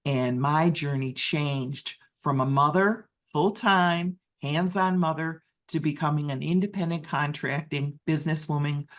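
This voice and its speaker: An interpreter voicing a deaf speaker's personal story in the first person, in halting phrases full of restarts and self-corrections. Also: medium pitch, fairly even intonation.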